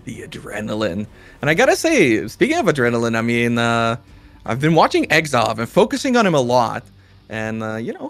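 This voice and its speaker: A man co-commentating an esports race, giving lively, upbeat play-by-play with some fillers. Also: mid-range voice.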